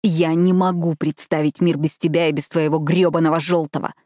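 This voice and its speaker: Woman doing a hoarse young man, curt, growling, low voice, dry close sound. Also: flat delivery, a little fast, mellow, no echo, close to an everyday voice. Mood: grim. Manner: growling, curt, through clenched teeth. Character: fierce gruff young man, commanding, protective. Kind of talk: audiobook character voice.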